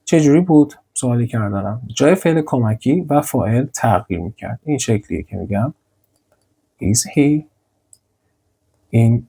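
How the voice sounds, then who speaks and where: A young man teaching an English grammar lesson with slides, drilling sentences slowly and repeating them. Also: mid-range voice, animated, creaky, warm tone, husky. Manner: slow, deliberate model sentences, repeating drills.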